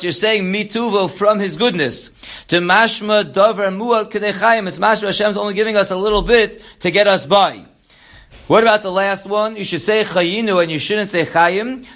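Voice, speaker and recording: High-voiced man teaching a halacha lesson. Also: a bit bright. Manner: reads Hebrew text then explains in English. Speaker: Torah teacher.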